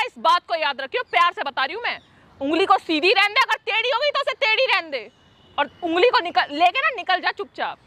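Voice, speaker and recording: A woman YouTuber vents straight into the camera, indignant and swinging between pleading and threats. Her voice sits very high and rings bright and forceful. She keeps it a direct, emotional address to her viewers.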